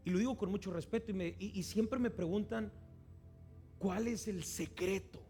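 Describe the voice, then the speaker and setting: A pastor preaching a sermon, acting out quoted voices with animated delivery. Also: male voice, high voice, moderate pace, faint music behind.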